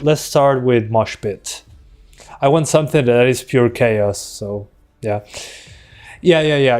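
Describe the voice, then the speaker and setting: Casual live-stream commentary comes from a relaxed tech streamer in his 20s, a Spanish-speaking man from Uruguay playing a shooter. His mid-range voice is chatty as he answers chat between fights. He records on a desktop USB microphone, and faint gunfire from the game sits in the background.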